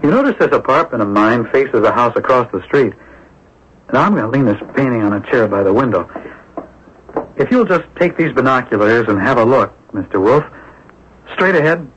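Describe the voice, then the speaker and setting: In a radio drama, a male actor with a medium-pitched, slightly bright voice plays an eager, secretive neighbour obsessed with a mystery, speaking earnestly with hesitant, insinuating turns. The recording is a dull lo-fi old radio broadcast with slight background noise.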